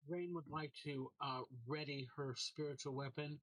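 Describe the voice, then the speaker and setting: A man's voice: on the high side, steady tone, normal speed, noisy background. A man playing a tabletop game, casually speaking for a character. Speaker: player.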